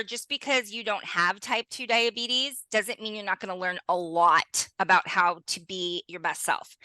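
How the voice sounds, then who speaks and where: A woman's voice: medium pitch, pushed and bright, no room sound, poor audio. A young adult woman hosting a podcast interview, bubbly and exclamatory, speaking straight to her listeners. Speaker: podcast host.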